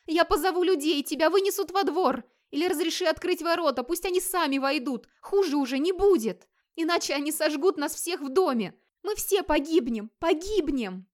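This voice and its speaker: A woman's voice: high-pitched, expressive, normal speed, hardly any pauses, voice pushed up. A woman voicing a desperate wife who begs her husband through sobs. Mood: desperate pleading. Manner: pleading, sobbing. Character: desperate wailing wife, middle-aged woman.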